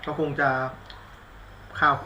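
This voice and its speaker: A man's voice: slow, bright, forceful tone, reverberant, dull audio, slight background noise. A man doing a casual live-stream movie review, chatty and rambling, with blunt slang and self-mocking asides. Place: indoors at home, live stream.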